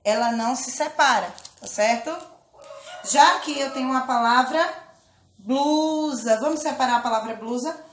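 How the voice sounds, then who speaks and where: A woman teaching a children's lesson, speaking slowly and patiently, drawing out words and often checking in with her listeners. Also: high voice, roomy sound, a little hiss or hum. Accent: Brazilian Portuguese. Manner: slow, patient, drawn-out syllables with check-in questions. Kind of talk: children's lesson, clapping out syllables.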